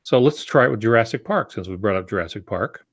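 Speaking quickly with lively intonation and a fairly low pitch, a 60-something American man who teaches writing and co-hosts a podcast gives an informal lesson with asides. He's on a video call from a home office, using wired earbuds.

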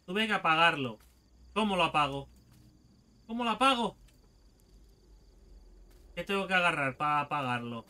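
A man, excitedly commenting as he plays a game, swearing and talking to himself. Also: on the high side, moderate pace, pauses often, clear, resonant tone. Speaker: gaming video host. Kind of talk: let's play commentary.

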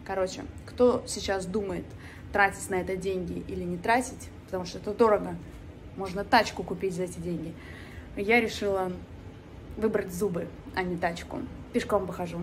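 A woman's voice: medium pitch, fairly even intonation, normal speed. Chatty woman with a slight lisp, noisy room. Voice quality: slight lisp, sh for s, from new dental aligners. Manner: chatty, playful. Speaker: vlogger. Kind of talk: casual chat to camera. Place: apartment living room and kitchen. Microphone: phone at arm's length. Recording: noisy handheld phone recording.

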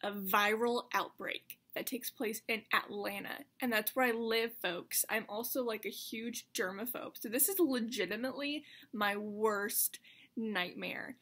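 A young American woman talks casually to her camera in a bright, fairly high voice. She wears retainers, which lightly slur her words. She rambles in an animated, self-mocking way, as in a chatty vlog. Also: unhurried. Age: 20s. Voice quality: slight slur from wearing retainers. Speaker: vlogger. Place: carpeted bedroom at home.

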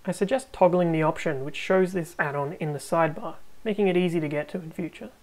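A woman hosting a tech tutorial, narrating a screen recording with calm, step-by-step instructions. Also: lowish voice, fast, poor audio.

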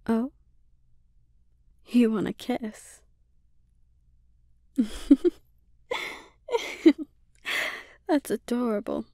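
A woman playing a menacing, condescending, dominant witch in a breathy, often whispered ASMR roleplay. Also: on the high side, steady tone, dark tone, no echo, studio quality. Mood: smug, indulgent. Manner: slow, deliberate, condescending.

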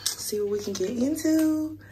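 A woman in her twenties with a hoarse, nearly gone voice, chatting casually to her travel vlog. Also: fairly high pitch, animated, a little slow, noisy background. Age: 20s. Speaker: travel vlogger.

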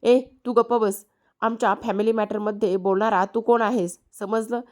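A woman's voice: mid-range voice, fairly even intonation, moderate pace, a little mellow, natural voice. A woman voicing a stubborn young heiress who indignantly refuses, in quoted lines from a serial recap. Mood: defiant.

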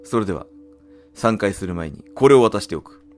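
A man's voice: on the low side, expressive, brisk, darkish tone, lightly acted. A man voicing a stern, protective senior onmyoji in a game, with solemn, archaic, commanding speech. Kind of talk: game dialogue read in character. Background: game music.

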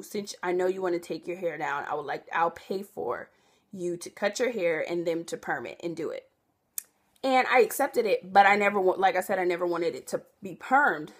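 Chatty young woman, slightly low voice. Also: a bit bright. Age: young adult. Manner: rambling, self-correcting, chatty with many fillers. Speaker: vlogger. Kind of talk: casual chat to camera.

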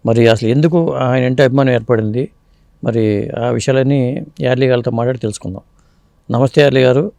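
A man's voice: mid-range voice, steady tone, fairly quick, vocal fry, long pauses, warm tone, dry recording. A man, hosting an interview and asking probing, conversational questions. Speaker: interviewer, host.

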